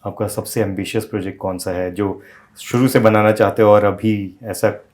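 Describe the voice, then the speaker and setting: Guy interviewer, lowish voice, short prompting questions. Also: level tone, normal speed, a little mellow.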